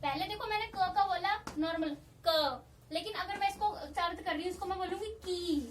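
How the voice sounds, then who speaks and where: A woman with a very high voice teaches a lesson step by step, repeating each point so it sinks in. She sounds a little distant from the microphone, with faint background noise. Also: moderate pace. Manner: patient, repeats key points, often says "theek hai". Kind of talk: Hindi grammar lesson.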